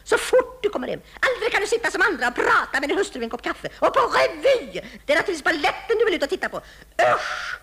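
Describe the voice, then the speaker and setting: A nagging housewife in a vintage radio comedy sketch. Her voice is very high and shrill, and she scolds endlessly in a reproachful, wounded tone. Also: sing-song, fairly bright tone, heavily acted.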